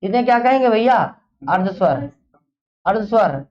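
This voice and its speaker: A woman's voice: mid-range voice, animated, normal speed. A woman teaching an exam-prep class, who fires off a question, repeats it, and then answers it herself. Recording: dull lo-fi classroom recording.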